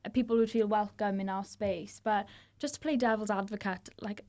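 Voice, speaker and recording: A woman's voice: mid-range voice, fairly even intonation, fairly quick, a little mellow. A young woman with a Welsh Valleys accent, co-presenting an informal student radio discussion. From the South Wales Valleys. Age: young adult.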